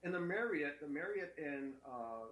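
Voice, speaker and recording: Chatty male co-host over a cave-echo call line, bright-toned and lively in pitch. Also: moderate pace. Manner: chatty and rambling, with some restarts. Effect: echoey call audio, like talking from a cave or tunnel. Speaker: co-host calling in remotely. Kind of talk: casual chat. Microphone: internet voice call. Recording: echoey remote internet call.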